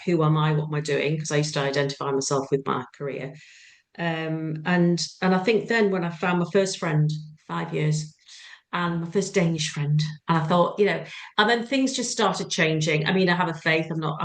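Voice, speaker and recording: Woman, podcast co-host, casual chat, quotes her own thoughts. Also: low voice. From England.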